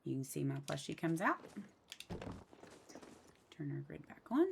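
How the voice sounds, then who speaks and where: A low-voiced woman talks through a building tutorial in a slow, gravelly voice, counting every step half to herself. Loud mouse and keyboard clicking runs behind her. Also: sing-song, a little hiss or hum. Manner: counts steps aloud under her breath. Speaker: game building tutorial host. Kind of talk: casual step-by-step voice-over.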